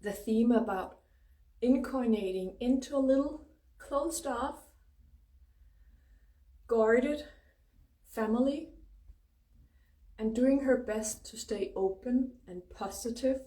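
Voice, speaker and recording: A native Danish speaker with a Danish accent hosts a casual spiritual talk, informal and emphatic and swearing freely. Her mellow, higher voice moves slowly with frequent pauses. The recording has a roomy echo from a distant microphone.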